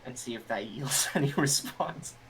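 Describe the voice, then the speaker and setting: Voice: medium pitch, moderate pace, fairly bright tone, recorded from a distance, a little hiss or hum, rough recording. A player in a tabletop role-playing game, talking casually with frequent laughs and swearing.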